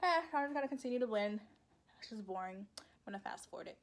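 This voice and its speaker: A woman's voice: fairly high pitch, lively intonation, quick pace. A young woman, chatting casually through a makeup tutorial, rambling and laughing at her own slips. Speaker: beauty vlogger.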